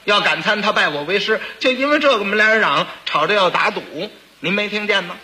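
A man's voice: sits high, lively intonation, fast, sharp tone, exaggerated voice. A man voicing a blunt, fearless minister who boasts emphatically. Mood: explaining. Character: bold blunt male minister, unafraid and cocky.

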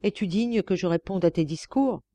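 Stern storybook sultan, read by a woman, grave and reproachful, mellow, dry. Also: lowish voice, moderate pace, no room sound, natural voice. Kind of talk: audiobook reading of a classic tale.

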